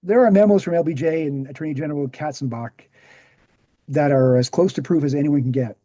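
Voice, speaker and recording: Playing Gary in a script read-through, a man delivers confident, teacherly explanations that debunk assassination myths, sounding assured throughout. His voice is on the high side and warm, moving fairly quickly with light acting, captured in a dry recording.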